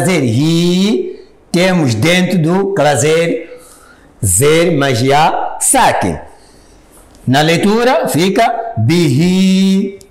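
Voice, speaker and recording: A man with a Mozambican Portuguese accent teaches Quran reading, sounding out each letter and vowel mark in turn. His voice sits high for a man, and he speaks very slowly. The room around him is roomy and echoing. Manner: spells letters and vowel marks one by one, with drawn-out syllables. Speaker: Tajwid teacher. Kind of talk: slow spelled-out Quran reading lesson. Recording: echoey room.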